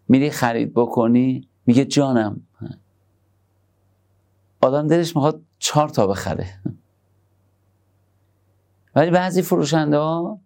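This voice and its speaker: A man speaks in a gravelly, mellow voice at a middling pitch. He gives a sermon on parenting in a conversational way, easing into soft, tender asides before pressing each point with emphasis. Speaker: religious speaker.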